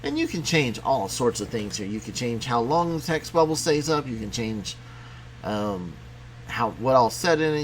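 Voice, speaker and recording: A man teaching a programming lesson in a casual, conversational way, talking as he clicks through software. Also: mid-range voice, slight background noise. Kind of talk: screen-recorded coding tutorial.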